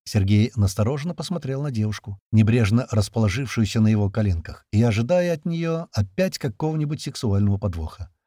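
A man doing scripted narration of an audiobook with expressive, steady storytelling. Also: on the low side, fairly quick, few pauses, dry recording, studio quality.

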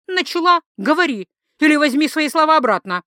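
A woman's voice: high-pitched, expressive, normal speed, no room sound, studio quality, pitched above the performer's own voice. A woman voicing a pushy young wife. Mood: insistent. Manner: insistent, raised and pressing.

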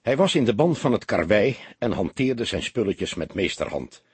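A man narrating a detective audiobook in an expressive storytelling manner. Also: on the low side, moderate pace, slightly rough, dry recording.

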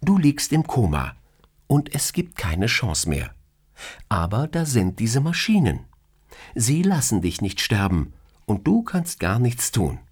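A bright, teasing woman boss from an audiobook story, put on by a man. She talks playfully, her pitch swinging up and down. There is a slight huskiness under the voice. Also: big pitch swings, slow pace, breathy edge, exaggerated voice. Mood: explaining. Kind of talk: audiobook character reading.

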